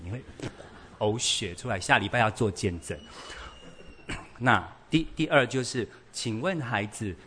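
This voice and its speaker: A man teaching a parenting class in a lively way, acting out little scenes as he goes. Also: on the low side. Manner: animated, storytelling, acts out scenes.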